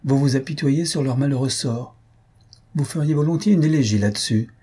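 A man's voice: medium pitch, a little fast, dark tone, breathy edge, pitched above the performer's own voice, close to an everyday voice. A man voicing a witty, mocking young noblewoman who talks in a teasing, proudly plain-spoken way.

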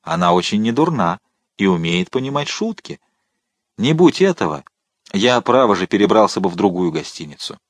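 A male narrator voices a pompous, bored rich nobleman, smug and complaining. The voice is low with lively swings, recorded dry and close for a storybook. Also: normal speed, no room sound. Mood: self-satisfied. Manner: self-satisfied, complaining.

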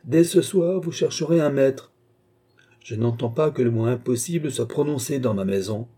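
A man's voice: mid-range voice, brisk, mellow, breathy edge, close to an everyday voice. A man voicing a proud, imperious marshal of eighty-eight who scolds his servant in haughty, curt orders, read as an audiobook character.

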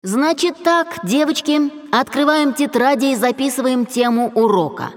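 A woman's voice: high voice, moderate pace, big-room sound, pitched above the performer's own voice, close to an everyday voice. A woman voicing a brash young woman who lectures in a bossy, playful teacher's tone.

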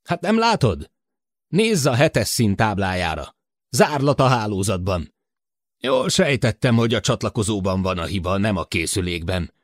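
A man voicing a joking male spaceship crewman stuck in the dark, chatty and teasing. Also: fairly low pitch, lively intonation, dry recording, clean studio sound, voice pushed up, natural voice.

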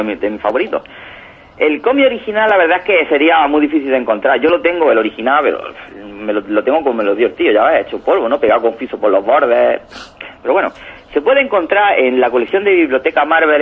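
A man's voice: mid-range voice, expressive, fast talker, slightly rough. A man rambling enthusiastically about comics on a radio show, often asking "¿no?". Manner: enthusiastic, rambling, keeps tagging "¿no?". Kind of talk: casual radio chat. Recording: tinny phone-like radio audio.

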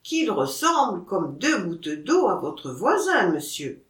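A woman's voice: medium pitch, very animated, takes it slowly, reverberant. A woman reading the lines of a blunt, bossy male gardener who barks orders, in an audiobook. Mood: brusque.

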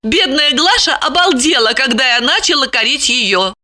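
A woman reading aloud puts on a plump married woman with a shrill, piercing voice. She scolds in high, swooping bursts and flares up at every word. It is an audiobook character voice with a bright, sharp edge. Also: expressive, moderate pace. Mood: mocking reproach.

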